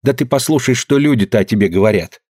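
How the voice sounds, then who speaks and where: A man's voice: mid-range voice, animated, quick pace, a little mellow, slightly rough, no room sound, studio quality. A man reading a story, voicing an elderly village mother who scolds her daughter in breathless outbursts. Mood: reproachful. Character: scolding elderly peasant mother, quick-tempered.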